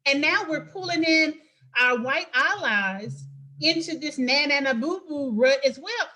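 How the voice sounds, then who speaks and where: A woman hosts an impassioned political talk in a high voice. She speaks emphatically and preaches, and she often breaks off into quick asides. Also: lively intonation, bright, forceful tone. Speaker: host and political commentator.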